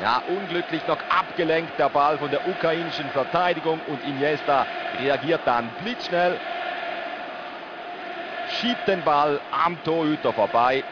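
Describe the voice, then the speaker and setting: A man's voice: a little high, a little slow. A man commentating on a televised football match, analysing play in short phrases. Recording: muffled broadcast audio over loud stadium noise. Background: stadium crowd noise.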